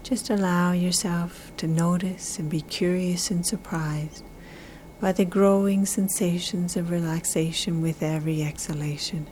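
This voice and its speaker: A woman guiding a relaxation meditation in a soft, soothing, breathy half-whisper, with slow, drawn-out, repetitive phrasing. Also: on the low side, steady tone, a little hiss or hum, poor audio. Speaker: relaxation guide.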